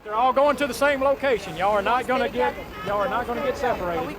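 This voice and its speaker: A man's voice: extremely high pitch, fast, crowd noise. A man speaking plainly on location, as a soldier at work. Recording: clear outdoor traffic noise.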